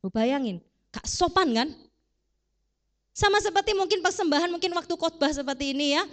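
High-voiced, animated woman preacher. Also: a little fast. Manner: casual and animated, with rhetorical questions to the congregation. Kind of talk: sermon.

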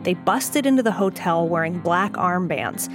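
A woman hosting and narrating a documentary podcast, with a measured, scripted storytelling delivery. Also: lowish voice, expressive, music in the background.

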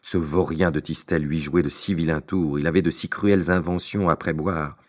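A man with a very deep, low voice reading a classic story aloud. His narration is theatrical, leaning on words and shifting emphasis from phrase to phrase. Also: steady tone, normal speed. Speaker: audiobook narrator.

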